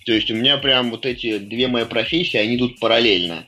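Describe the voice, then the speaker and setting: Middle-aged male interview guest. Bright, forward voice, halting conversational explanations, faint music underneath. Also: mid-range voice. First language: Russian. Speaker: interview guest, firefighter-rescuer and CrossFit coach. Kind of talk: casual interview talk.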